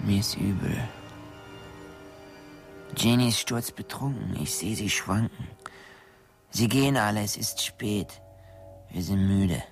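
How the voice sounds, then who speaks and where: An actor in a radio play voicing a taunting anonymous killer who speaks slowly and slips into mocking whispers. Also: deep voice, gravelly, faint music behind, exaggerated voice. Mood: weary. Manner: slow, mocking, drifting into whispers. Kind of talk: radio drama acting.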